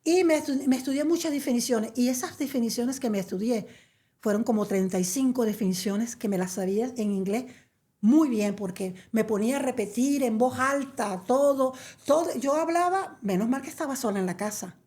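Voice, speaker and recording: A woman from Venezuela, telling her story in an interview; she hesitates with many fillers and restarts, then turns lively and emphatic. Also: a little high, a little fast. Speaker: interview guest. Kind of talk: conversational storytelling.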